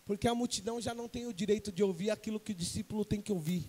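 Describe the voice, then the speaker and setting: A man from Brazil preaching a sermon as an evangelist, swinging from loud to hushed and questioning the congregation. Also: high voice, rapid-fire. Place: church sanctuary. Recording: long church reverb.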